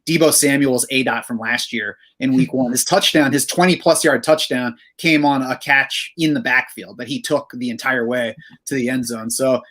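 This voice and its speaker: Male podcast host, mid pitch, steady analytical chat. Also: normal speed, few pauses. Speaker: fantasy football analyst.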